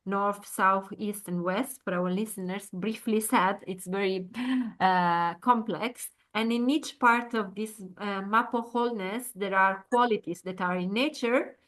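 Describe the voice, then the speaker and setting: A woman's voice: medium pitch, fairly even intonation, a little slow, a bit bright. A woman hosting a podcast interview. She lays out a concept at length in a thoughtful, explanatory way, with frequent uh and um before she asks her question. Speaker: podcast host.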